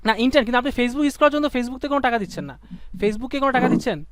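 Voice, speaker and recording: A young man with a Bangladeshi Bengali accent teaching a live online class, calling on students to shout answers and drilling points by repetition in a playful way. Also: extremely high pitch, lively intonation, racing. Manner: playful, slips into sung lines and mock phrases.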